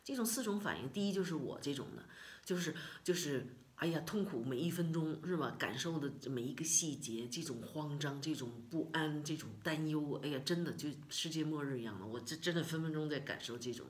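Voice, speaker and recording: A middle-aged woman from China telling a personal story in a casual vlog, emotional and expressive, with many repeated words and sighs. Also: low-pitched, fairly quick. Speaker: vlogger.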